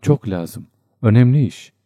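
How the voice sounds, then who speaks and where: A man's voice: medium pitch, animated, a little slow, dark tone, no echo, lo-fi sound. A man voicing a Chechen scout who speaks in clipped, broken phrases. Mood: urgent.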